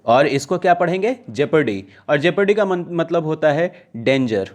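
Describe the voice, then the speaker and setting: A man teaches English vocabulary to exam students, reading news lines slowly and then explaining them conversationally with checking questions. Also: on the high side, animated. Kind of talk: casual classroom-style lesson, mixing Hindi and English.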